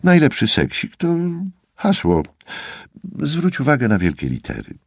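A man's voice: medium pitch, huge pitch swings, measured pace, creaky, husky, dry recording, clean studio sound, pitched above the performer's own voice, heavily acted. A man voicing a teasing young woman detective. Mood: breezy. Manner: teasing, breezy.

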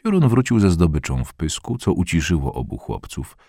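A man narrating an audiobook in a measured, expressive reading voice on a close studio mic. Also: sits low, no room sound. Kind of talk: scripted narration.

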